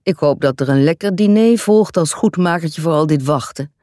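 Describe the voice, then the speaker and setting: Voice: medium pitch, steady tone, normal speed, a little mellow, no room sound, clean studio sound, voice pushed up, lightly acted. A storyteller voicing a complaining male parish priest in an audiobook mystery, speaking in a raised, aggrieved tone. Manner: aggrieved, fussy.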